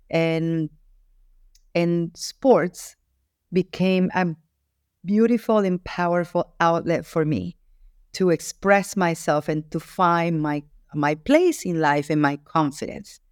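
A woman's voice: deep voice, slow, darkish tone, no echo, clean studio sound. A woman from Ecuador, an author being interviewed, speaking earnestly and reflectively, with frequent restarts. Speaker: author and guest. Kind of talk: interview answer.

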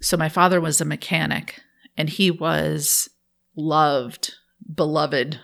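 A woman's voice: low-pitched, steady tone, takes it slowly, creaky, a bit bright. A woman guest speaking thoughtfully in an interview, laughing often while she tells a personal story.

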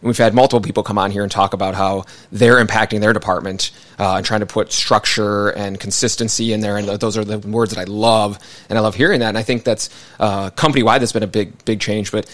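A man's voice: on the low side, fairly even intonation, quick pace, a bit bright. A man hosting a business podcast, jokey and upbeat, often restarting his sentences. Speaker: podcast host.

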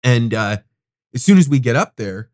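A man's voice: medium pitch, moderate pace, no room sound. Man telling a story in a dry studio. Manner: animated, swears casually, acts out quoted people. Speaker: podcast host. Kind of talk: casual storytelling in a podcast interview.

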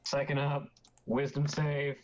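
A man's voice: fairly high pitch, monotone, slow, lo-fi sound. A man chatting casually as a player at a tabletop game, declaring his moves.

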